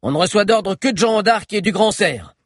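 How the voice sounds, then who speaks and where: A man's voice: sits high, animated, normal speed, dry recording, clean studio sound, voice pushed up. A man voicing a proud, taunting teenage boy guard. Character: teenage boy guard, cocky and barely literate.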